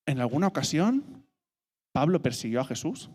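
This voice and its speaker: A man preaches a sermon with a lively, swinging pitch, animated in delivery. He deliberately slows down to stress each line when reading scripture, and a long reverb from the church hall surrounds his voice.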